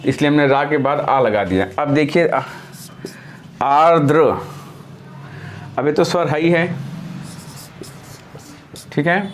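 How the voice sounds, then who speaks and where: Male teacher from India, slightly high voice, patient step-by-step explainer who repeats himself. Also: expressive, unhurried, pauses often, a little hiss or hum. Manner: self-correcting, thinking aloud mid-explanation. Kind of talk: classroom-style lesson.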